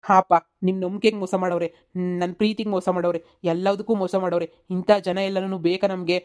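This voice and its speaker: A woman voicing a young village man in a cartoon comedy, a scheming son who talks briskly and persuasively. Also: on the low side, little pitch movement, darkish tone, close to an everyday voice.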